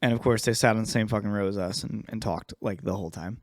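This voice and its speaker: A man's voice: on the low side, quick pace, no echo, studio quality. A man co-hosting a podcast in casual chat, rambling and swearing, often losing his train of thought. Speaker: podcast co-host.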